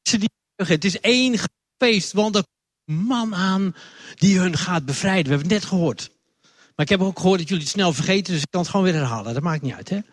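A man's voice: high-pitched, lively intonation, rapid-fire. A Dutch man, a lay preacher, giving a friendly, chatty children's sermon in a church hall and talking directly to the kids while moving around with a wireless microphone. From Netherlands.

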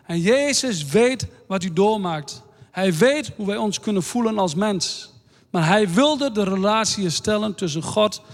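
A man preaching a sermon in a slow, earnest way, reading scripture aloud. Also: high-pitched. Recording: long hall reverb.

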